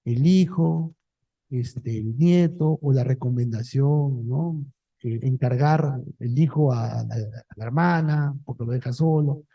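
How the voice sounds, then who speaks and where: A man's voice: medium pitch, slow pace, breathy edge, dry recording, dull audio. A man, a priest, giving a talk to a parish group in a casual way, often checking in with the listeners. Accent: Peruvian Spanish. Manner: conversational, checks in with "¿no?" and "¿ya?". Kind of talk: pastoral talk with audience.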